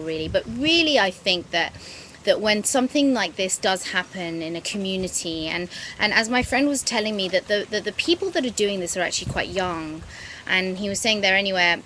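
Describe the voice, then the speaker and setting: A woman speaks into a close webcam in a garden, in a somewhat low voice. She is thoughtful and halting, restarting her phrases as she goes. A faint hum of outdoor ambience sits behind her. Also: fairly bright tone, low-quality recording. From England. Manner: reflective, halting, many ums and restarts. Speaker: vlogger. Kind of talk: casual talk to camera. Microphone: webcam at close range.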